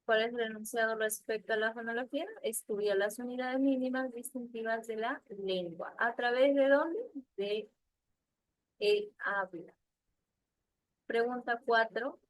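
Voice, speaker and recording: A woman teacher leading an online class, patiently asking questions and repeating answers slowly over a video call. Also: fairly high pitch, no room sound, low-quality recording.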